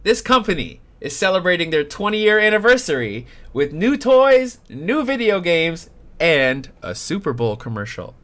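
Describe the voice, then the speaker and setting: A man hosting a casual online video game quiz show, jokey and quick to laugh. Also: high voice. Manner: jokey, laughs often, lively.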